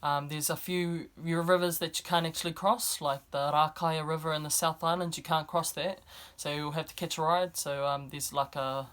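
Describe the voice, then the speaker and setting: A woman's voice: low-pitched, steady tone, moderate pace, few pauses. Young New woman. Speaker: vlogger. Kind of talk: casual vlog talk to camera. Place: indoors, speaking to camera.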